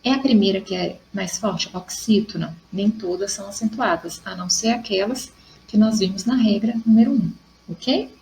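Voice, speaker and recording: A woman's voice: mid-range voice, moderate pace, gravelly, darkish tone, slight background noise, rough recording. A Brazilian woman teacher with a Brazilian Portuguese accent, patiently correcting exercises step by step in a recorded class lesson. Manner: patient, explains step by step, checks in with ok.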